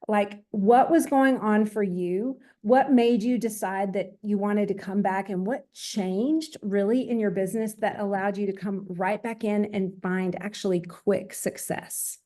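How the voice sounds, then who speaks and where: Female host, middle-aged. Soft-edged, mellow tone, chatty introductions. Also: mid-range voice, fairly even intonation, measured pace, hardly any pauses. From small town in eastern Georgia, USA. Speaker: host, team leader. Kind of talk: conversational introduction on a group call.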